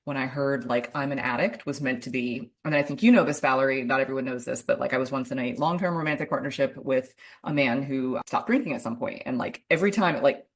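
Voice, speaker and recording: A low-pitched woman hosting a casual interview podcast. She gushes and chats freely, peppering her sentences with "like". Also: fast talker, few pauses. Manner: effusive, chatty, lots of "like". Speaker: podcast host.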